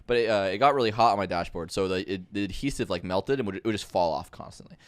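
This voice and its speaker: A man's voice: deep voice, fast talker, dry recording. A young man co-hosting a podcast, telling a long story in a rambling, laughing way. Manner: rambling, laughs through his stories. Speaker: podcast co-host. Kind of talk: casual chat, storytelling.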